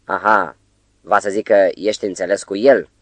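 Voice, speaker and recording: A man reading the lines of a furious young male poet who accuses and shouts at a stranger. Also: low-pitched, steady tone, dry recording, natural voice. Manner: angry, accusing.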